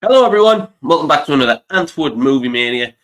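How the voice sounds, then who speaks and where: A man's voice: a little high, expressive, quick pace, fairly bright tone. A man in his thirties, congested with the flu, hosting a casual live interview, chatty and laughing often. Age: 30s. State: stuffy with flu. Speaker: interview host.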